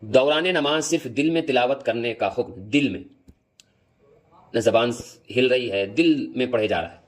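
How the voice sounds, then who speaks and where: A man's voice: mid-range voice, rough recording. Patient male teacher checking for understanding. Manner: explains slowly, repeats points, keeps asking if understood; recites verses slowly to demonstrate pronunciation. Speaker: religious teacher. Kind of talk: prayer recitation lesson.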